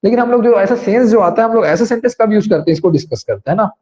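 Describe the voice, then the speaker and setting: A man teaches grammar in an online class, speaking in a somewhat high but dark, mellow voice. He explains step by step and keeps asking students to raise their hands. The recording sounds dull and lo-fi. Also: lively intonation, rapid-fire.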